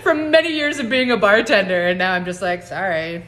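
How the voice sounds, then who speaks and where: Woman, 40s, herbalist host, casual and laughing livestream chat, bright tone. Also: medium pitch, animated, brisk. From United States. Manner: chatty, laughs often, greets viewers by name. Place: home on a mountain, indoors.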